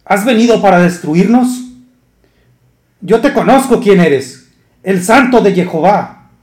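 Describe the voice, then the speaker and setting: Brief: a defiant, frightened demon, as a male preacher puts it on, high and slow, in an echoing room. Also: expressive. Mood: fearful shouting. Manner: loud, drawn-out cries. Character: shrieking unclean spirit, defiant and afraid. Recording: roomy echo.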